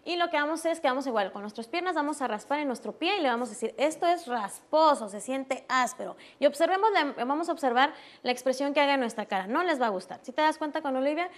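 A woman with a Mexican accent, an early stimulation instructor demonstrating textures on a morning TV show, explaining slowly and gently. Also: sits high, expressive. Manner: explains slowly, softens words for babies.

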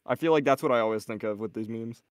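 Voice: medium pitch, quick pace, dry recording, studio quality. A stream guest chatting casually in a rambling way, laughing often.

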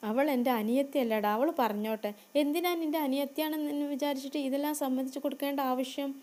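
A long-suffering young wife soothes and pleads in a soft, meek manner, as a woman narrator puts her on. The voice sits somewhat high and warm. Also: steady tone, fast, natural voice. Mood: pleading.

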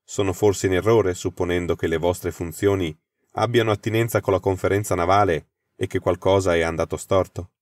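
A man voicing a sharp, self-assured consulting detective who makes crisp, incisive deductions. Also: deep voice, steady tone, fairly quick, dry recording, clean studio sound, natural voice.

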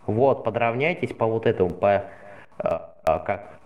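Drill sergeant type: man, deep-leaning voice, gruff and commanding, running military drill in online game chat. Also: lively intonation, a little slow, a little mellow, dull audio.

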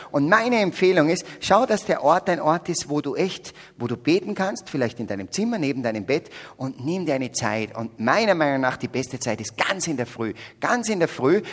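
Older austrian guy from salzburg giving a faith talk, husky, jokey, big reverb hall. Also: on the high side. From Salzburg region, Austria. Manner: swings between loud exclamations and hushed whispers; humorous, addresses audience directly. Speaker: speaker at a faith festival. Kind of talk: spiritual talk to young adults.

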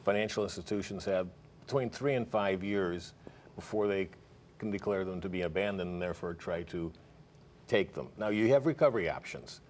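A middle-aged man with a fairly low voice, talking through money matters in a steady, explanatory way. He sits as a guest in a TV news studio, on a lapel mic, with a faint low rumble underneath. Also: normal speed. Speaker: guest financial planner. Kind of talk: studio interview on morning news.

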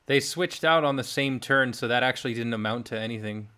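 A man's voice: mid-range voice, brisk, a crowd in the background. A young man hosting a podcast, chatting casually and hesitantly as he comments on a game. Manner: soft-spoken, hesitant, trailing off. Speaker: podcast host.

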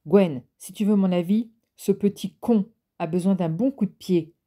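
A woman's voice: mid-range voice, normal speed, warm tone, voice pushed up, close to an everyday voice. Woman voicing a sneering drunk stepdad. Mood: snarling. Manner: mocking, gruff and taunting. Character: drunken, sneering adult stepfather, a man. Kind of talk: audiobook character reading.

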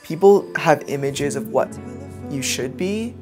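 A man's voice: on the high side, lively intonation, music in the background. A man in his twenties from Hong Kong, a singer-songwriter speaking candidly and wryly in a documentary interview. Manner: candid, wry, brisk.

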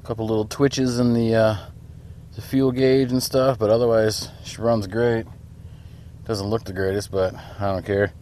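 Laid-back young man, low voice. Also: level tone, normal speed, mellow. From Wisconsin. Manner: laid-back, rambling, lots of fillers. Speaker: vlogger showing his truck. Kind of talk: casual walkaround vlog. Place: outdoors beside a pickup truck.

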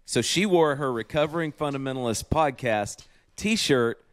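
A middle-aged man co-hosts a podcast from his office and tells stories with real enthusiasm. His voice is smooth and resonant, at a middle pitch. The recording is dry and close. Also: animated, normal speed, no room sound. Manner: enthusiastic storyteller. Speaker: podcast co-host. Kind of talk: casual podcast chat. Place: home office.

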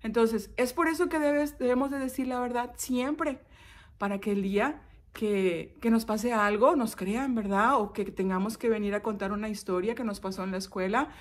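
A woman's voice: fairly high pitch, normal speed. A woman reading a story aloud to children, talking to them directly and asking questions. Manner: animated, addresses kids directly, asks questions. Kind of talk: expressive read-aloud for children.

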